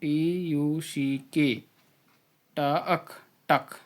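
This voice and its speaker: A man teaching an English phonics drill, spelling out letters and blending each sound slowly with repetition. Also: a little high, flat delivery. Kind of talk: slow phonics drill lesson.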